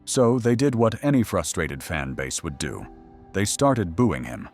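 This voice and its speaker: Man, deep voice, lively pitch, scripted documentary narration, mocking dramatic tone. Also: measured pace, over music.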